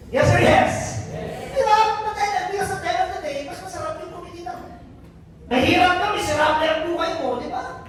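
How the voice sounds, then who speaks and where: A man's voice: very high voice, moderate pace, a bit bright, far from the mic. A man from Albay, Philippines, giving a motivational closing speech to a live audience as a business mentor, joking and teasing and often asking the crowd questions. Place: event venue hall, indoors. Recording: very echoey event hall, picked up from afar.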